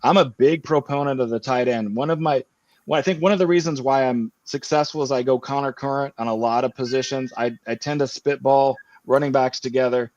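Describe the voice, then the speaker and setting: A man's voice: mid-range voice, a little fast, a little mellow, no room sound. Rambling man on a muffled call. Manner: rambling with many restarts and fillers. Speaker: guest fantasy football player. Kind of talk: casual podcast chat. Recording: dull lo-fi remote audio.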